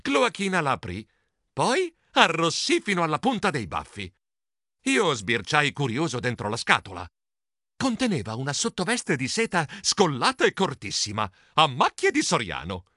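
A man reading a children's storybook aloud in a playful, animated way. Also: on the high side, moderate pace, no room sound, clean studio sound. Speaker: audiobook narrator.

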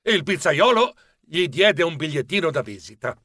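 A man narrating a children's audiobook in an animated storytelling manner. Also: on the high side, normal speed, no echo, studio quality.

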